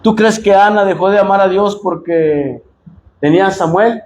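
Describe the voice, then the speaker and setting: A man with a Mexican accent preaching a sermon as pastor, impassioned and direct with the congregation, often rising to shouts. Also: sits high, normal speed. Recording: echoey room with faint noise.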